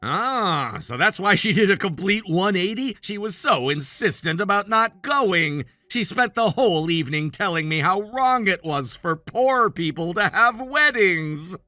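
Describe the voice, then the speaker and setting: Man acting a high, bright, put-upon brother. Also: measured pace, hardly any pauses, dry recording, full character voice. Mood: exasperated. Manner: earnest, complaining, animated. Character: put-upon brother, exasperated by his wife. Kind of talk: acted dialogue in a narrated family drama.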